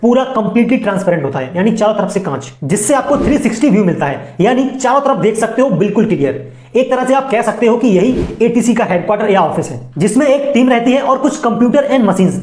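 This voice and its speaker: In a roomy, echoing voice-over carrying a little hiss or hum, a fast-talking woman with an Indian accent narrates an informal educational video. Her voice is on the high side, a little mellow, with lively intonation, and she chats colloquially with viewers, adding playful asides.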